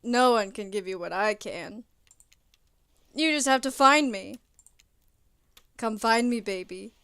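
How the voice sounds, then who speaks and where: A woman voicing a cocky, swaggering male pop idol in a dating game, in a slightly lowered put-on voice. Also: animated, takes it slowly, fairly bright tone, smooth, dry recording, heavily acted. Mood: teasing.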